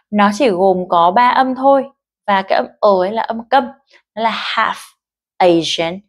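A woman teaching English pronunciation, explaining patiently and repeating phrases slowly. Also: mid-range voice. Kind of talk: pronunciation lesson.

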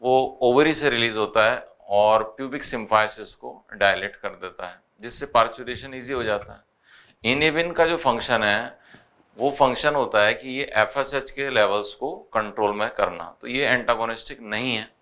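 Indian man, biology teacher walking through test solutions, bright crisp voice, Hindi-English mix. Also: mid-range voice. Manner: mixes Hindi with English, reads questions slowly.

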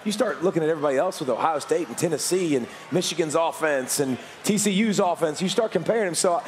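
A man weighs up football teams on a live broadcast. His voice is slightly high. Faint outdoor ambience runs behind him. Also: fast, a little hiss or hum. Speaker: football analyst. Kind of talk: live sports commentary.

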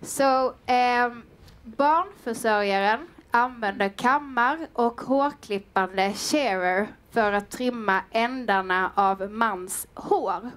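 Speaking slowly with few pauses, a woman from Sweden presents at a meetup, her fairly high, southern-accented voice a bit bright. She's a content manager on a headset mic in a dim room with a small audience, chatty, self-deprecating, and heavy on ums and uhs.

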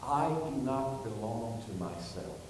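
Man preaching in a church, slow unhurried delivery, big echoing hall, voice from far off the mic, faint hiss. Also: medium pitch, animated, darkish tone. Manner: calls for answers from the congregation. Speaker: pastor. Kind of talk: sermon with scripture reading. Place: church sanctuary.

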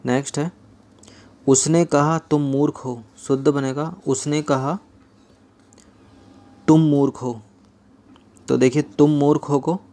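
Man, young adult, grammar teacher, exam-prep lesson, slow example reading, joking asides, medium pitch. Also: a little mellow. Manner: reads example sentences slowly, adds joking asides.

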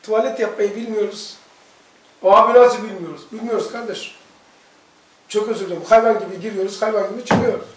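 Heard from a distance in an echoey room, a middle-aged religious teacher delivers a sermon in a high, slightly fast voice with a little hiss or hum. He tells stories with animation, acting out the dialogue.

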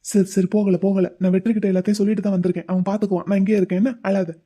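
A woman's voice: medium pitch, level tone, rapid-fire, warm tone, breathy edge, close to an everyday voice. A woman voicing a caring, playful young man in a cartoon, coaxing and teasing his crying older sister in a chatty way. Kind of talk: Tamil cartoon voice acting.

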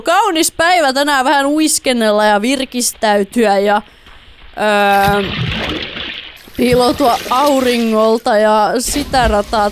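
Woman streamer, higher register, playful running commentary, faint noise floor. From Finland. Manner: playful, chatty, talks to in-game zombies. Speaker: let's play gamer. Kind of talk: casual gameplay commentary.

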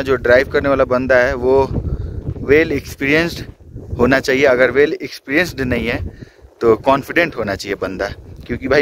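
A man's voice: medium pitch, background noise. A young man chatting casually to camera on a travel vlog, teasing his friends and mixing in English words, filmed at arm's length outdoors on a mountain road. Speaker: travel vlogger. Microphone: handheld camera at arm's length.

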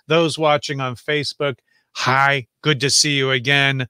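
A man's voice: mid-range voice, flat delivery, unhurried, pushed and bright, clean tone, no room sound. A man hosting an online interview show, chatty and jokey, with lots of fillers. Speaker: podcast host. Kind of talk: casual interview chat.

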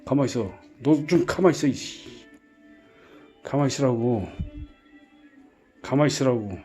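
A man talking casually in a gruff, exasperated way, scolding and sighing, with repeated commands and frequent swearing. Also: medium pitch, expressive, normal speed, mellow, faint music behind. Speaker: vlogger caring for puppies.

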